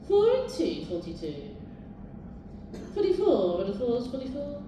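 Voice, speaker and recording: A British woman working as a bingo caller, announcing numbers live in a sing-song, formulaic way with measured repetition. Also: high-pitched, wildly swooping pitch, mellow. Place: large echoing indoor bingo hall. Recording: very echoey hall, distant, noisy.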